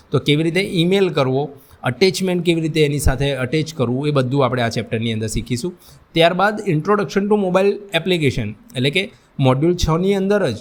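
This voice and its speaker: Man teaching a vocational class. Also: on the high side. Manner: explains mixing English terms into speech; addresses students directly. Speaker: vocational instructor. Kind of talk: classroom lecture.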